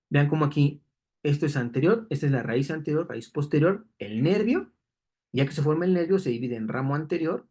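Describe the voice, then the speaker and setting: A husky-voiced man lectures on anatomy at a middle pitch. He walks through diagrams step by step and keeps checking in with the class through tag questions. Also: warm tone.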